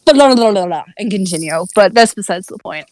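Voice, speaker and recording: A woman's voice: medium pitch, lively intonation, brisk, no echo, clean studio sound. Rambling woman in casual chat. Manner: rambling, lots of "like", trails off quietly. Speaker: podcast co-host.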